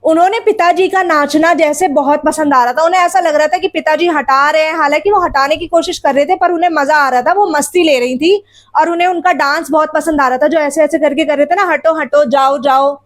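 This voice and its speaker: A woman teacher with a high voice walks her students through a textbook story. She explains word meanings again and again and keeps asking rhetorical questions. She often addresses the children directly. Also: a little fast.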